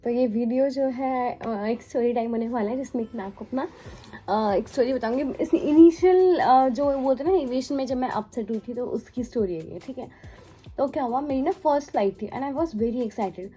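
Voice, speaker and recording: Soft background music plays faintly as a young woman who works as cabin crew casually recounts a story. She speaks Hindi laced with English words and plenty of fillers, in a high-pitched, breathy-edged voice at a moderate pace.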